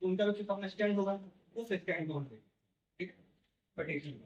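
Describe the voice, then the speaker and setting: Speaking briskly in a high voice, this man teaches his class one step at a time, frequently asking "theek hai" and "hai na" to check on his students. He uses no microphone and stands far from the recorder, so the lecture comes through muffled and echoing around the room.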